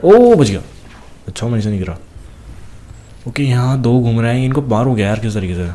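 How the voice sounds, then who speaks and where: A young man casually commenting on his own gameplay, talking fast and teasing the enemies on screen. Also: medium pitch, mellow. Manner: chatty, teasing enemies, talks fast while playing.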